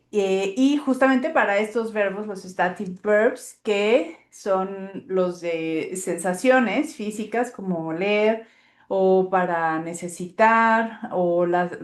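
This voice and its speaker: Patient woman teaching grammar, roomy sound. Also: on the high side. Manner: patient, clear teacherly explanations with fillers. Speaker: English teacher. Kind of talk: explaining grammar step by step.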